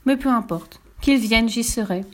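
A woman voicing a wise, gentle immortal mermaid in a read-aloud storybook. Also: a little high, normal speed, close to an everyday voice. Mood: reassuring. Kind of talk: storybook reading.

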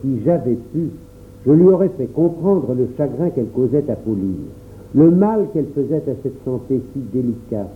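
A man narrating a storybook in a calm, measured first-person reading. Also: mid-range voice. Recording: tinny phone-like sound, faint noise.

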